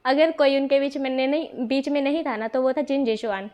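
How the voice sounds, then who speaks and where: A young woman with a high voice tells a fan story in a loose, chatty way. She leans on the same filler phrases again and again as she narrates. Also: fairly even intonation, brisk, a little mellow. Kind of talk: casual fanfiction narration.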